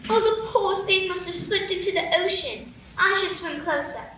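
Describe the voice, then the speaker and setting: A woman's voice: very high voice, normal speed, very noisy. A woman voicing young Alice, a curious, polite girl who chats and apologises, in a live radio play. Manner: wondering, apologetic, chatty. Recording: roomy echo from far off.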